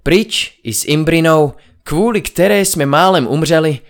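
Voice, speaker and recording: A man reading a first-person audiobook aloud in a dramatic, expressive style. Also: a little high. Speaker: audiobook narrator.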